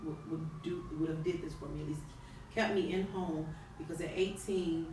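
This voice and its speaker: A woman guest tells stories earnestly in a casual chat, her voice a bit low. She is recorded far from the mic in a very echoey room. Clear background noise runs behind her. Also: fairly even intonation, moderate pace.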